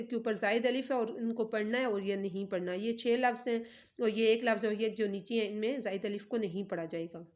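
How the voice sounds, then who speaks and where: A woman teaching Quran recitation, spelling out syllables slowly one by one and then explaining the rules quickly. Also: a little high. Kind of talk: slow letter-by-letter tajweed lesson.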